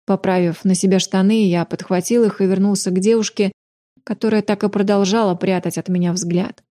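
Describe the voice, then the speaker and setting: A woman narrates a first-person romance novel in a steady, intimate reading. Her voice has a mellow, soft-edged tone. The recording is close and dry, with no room around it. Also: mid-range voice, a little fast, no room sound. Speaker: audiobook narrator.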